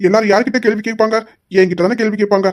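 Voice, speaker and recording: A stubborn young husband, voiced by a woman in a homemade audio drama, teasing his wife in a mock-sweet, pleading tone. The delivery is fast, with a voice at an ordinary middle pitch. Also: fairly even intonation, lightly acted.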